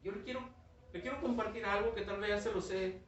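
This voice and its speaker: A man's voice: sits high, steady tone, brisk, fairly bright tone, far from the mic, slight background noise. A male preacher delivering a sermon, telling a parable with rising intensity. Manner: storytelling, builds in intensity. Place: church hall. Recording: echoey dull church sound from afar.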